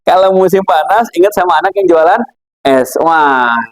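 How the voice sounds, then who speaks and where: A man's voice: a little high, normal speed, rough recording. A man giving a casual religious lesson, chatty and laughing often as he acts out characters in his stories. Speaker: Islamic philosophy teacher. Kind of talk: casual religious lecture with anecdotes.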